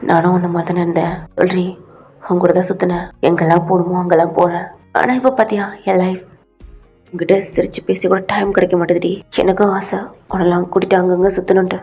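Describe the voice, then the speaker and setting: Brief: a woman playing a steady young man, voice dropped low, chiding, warm dark tone, faint music bed. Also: fast, natural voice. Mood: weary. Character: young man, [name] member, calm, scolding friend.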